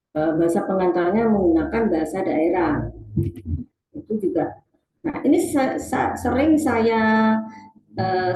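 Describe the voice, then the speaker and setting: A woman's voice: lowish voice, warm tone, roomy sound, poor audio. A woman presenting an online webinar on teaching reading, talking to the audience and reading out chat replies with many fillers.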